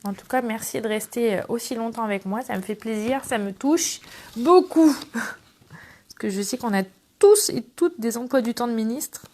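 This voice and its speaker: Her voice sits a little high and a little mellow, moving at a moderate pace. This middle-aged woman from France runs a relaxed scrapbooking channel, demonstrating crafts while talking warmly and chattily to the people watching.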